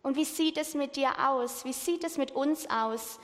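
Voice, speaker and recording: A woman preaching a sermon slowly and deliberately, asking the congregation questions. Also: high voice, a bit bright. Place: church hall. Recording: reverberant church hall.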